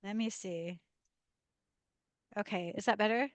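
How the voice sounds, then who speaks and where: Brief: woman guest on a video call, animated storyteller, laughs a lot, middle-pitched voice, dry close sound. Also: unhurried, dry recording. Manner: animated storyteller, laughs often, acts out quoted dialogue. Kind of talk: casual interview storytelling.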